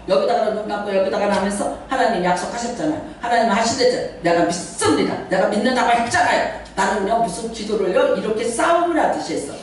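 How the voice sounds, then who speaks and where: An older woman pastor preaching a lively sermon with personal stories, laughing often and acting out the voices of people she quotes. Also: mid-range voice. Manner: animated and laughing, acts out quoted prayers and voices. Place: church sanctuary. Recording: far from the mic with heavy church echo and faint noise.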